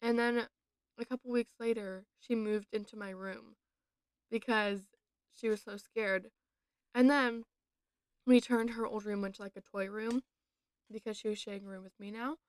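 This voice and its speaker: A woman's voice: mid-range voice, fairly even intonation, normal speed, long pauses, no room sound. A young woman co-hosting a podcast, telling a story casually and filling it with "like" and "um". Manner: chatty, many fillers and likes. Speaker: podcast co-host.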